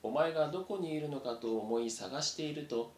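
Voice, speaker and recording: A man's voice: a little fast, a little mellow, natural voice. A man voicing a brash, boastful buck-toothed male mouse. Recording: roomy echo, faint rumble.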